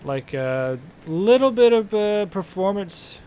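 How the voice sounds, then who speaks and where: A man's voice: high-pitched, very animated, takes it slowly, mellow, slight background noise. A man giving casual, rambling commentary while playing a video game, full of fillers and self-corrections. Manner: reads game dialogue aloud. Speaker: gaming channel host. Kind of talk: casual let's-play commentary.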